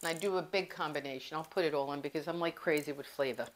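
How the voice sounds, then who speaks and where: Speaking fast in a low-pitched voice, a woman gives a casual cooking demonstration from her home kitchen. She rambles along and shares confidences with her viewers as a home cooking vlogger. The audio is poor, with slight background noise.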